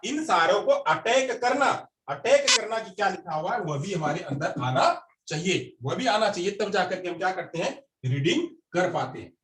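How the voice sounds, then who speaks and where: High-voiced man lecturing a class. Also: fairly bright tone. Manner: repeats phrases, quizzes the class. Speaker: teacher. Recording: roomy classroom recorded from a distance.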